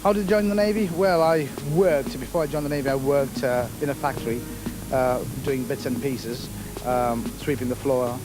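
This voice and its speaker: A middle-aged man from Kenya, a navy petty officer answering interview questions in an unhurried, hesitant way with many fillers. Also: mid-range voice, over music, poor audio.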